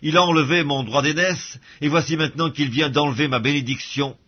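Male reader voicing a wronged elder son, bitter and pleading; husky, lo-fi. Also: on the high side, fairly even intonation, fairly quick, lightly acted.

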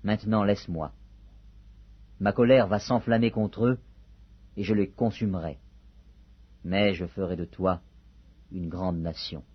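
Man reading God, wrathful divine voice, slow and husky. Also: low-pitched, fairly even intonation. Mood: stern. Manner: solemn, unhurried reading. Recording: dull lo-fi recording.

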